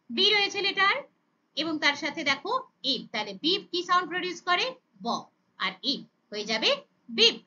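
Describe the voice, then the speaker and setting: Female teacher, high and bright voice, animated phonics drills for small children, slightly dull lo-fi audio. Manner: sounds out letters then blends, asks rhetorical questions with "okay?".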